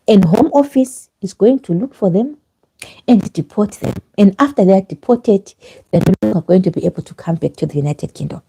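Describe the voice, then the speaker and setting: Woman vlogger, emphatic and repetitive, warm low tone, heavy fuzz distortion on the mic. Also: slightly rough. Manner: direct, emphatic, repeats herself. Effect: fuzzy distorted microphone sound. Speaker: vlogger giving visa advice. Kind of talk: live stream chat. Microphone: clip-on microphone, later removed.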